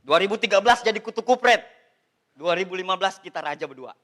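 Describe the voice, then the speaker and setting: A man from Indonesia in his thirties giving an animated, joking motivational seminar talk, addressing the audience as Pak. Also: high voice, fast. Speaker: motivational speaker on MLM.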